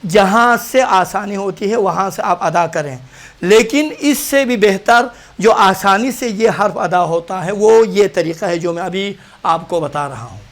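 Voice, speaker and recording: A man teaching Quran recitation in Pakistani-accented Urdu, sounding out letters again and again before he explains how to say them. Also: high voice. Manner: demonstrates letters by repeating them, then explains. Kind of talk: practical pronunciation lesson.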